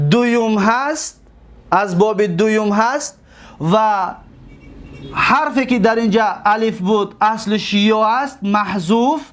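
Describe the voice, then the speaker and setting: A man with a Tajik accent teaches a grammar lesson in a high voice. He goes over word forms again and again, stopping often to ask whether his listeners have followed. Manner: repeats forms and asks pupils checking questions. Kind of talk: recorded lesson on Arabic grammar.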